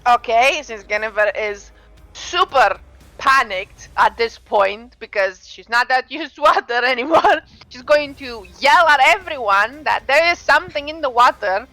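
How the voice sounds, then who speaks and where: A woman's voice: high-pitched, expressive, a little slow, sharp tone, soft background music, poor audio. A woman playing in a tabletop game, talking hesitantly with many fillers. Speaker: player. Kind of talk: casual tabletop play.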